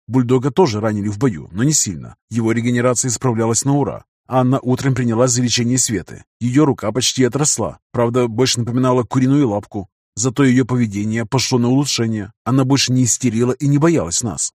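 A man's voice: mid-range voice, quick pace, hardly any pauses, a little mellow, no echo, studio quality. A man narrating a first-person audiobook in a casual, wry storytelling manner.

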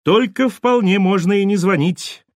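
A man's voice: high-pitched, a little slow, dry recording, pitched above the performer's own voice. A man voicing a sly male police captain who drawls dry, wry remarks in an audiobook.

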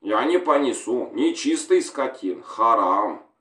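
A man's voice: medium pitch, animated, a little slow, sharp tone. A man voicing a stubborn, dismissive male soldier who talks in broken Russian grammar, recorded in a roomy space from a distance.

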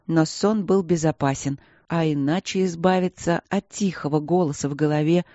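Male audiobook narrator, steady storyteller, slightly high voice, dry close recording. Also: moderate pace, no room sound, highs cut off. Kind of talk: scripted narration.

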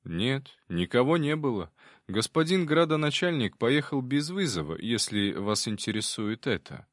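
A man's voice: mid-range voice, very animated, normal speed, no echo, studio quality, natural voice. A man voicing an unflappable older male butler in a storybook reading, formal and composed.

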